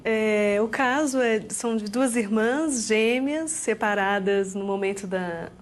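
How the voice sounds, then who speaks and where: A Brazilian woman in her thirties, a guest telling a personal story in an animated way, often laughing. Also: medium pitch, slow pace. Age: 30s.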